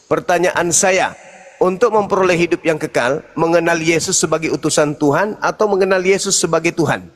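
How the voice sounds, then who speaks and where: Man, heated debater, forceful and insistent, slightly high voice, long echo on the line. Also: normal speed. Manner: forceful, repetitive, raises voice to a shout.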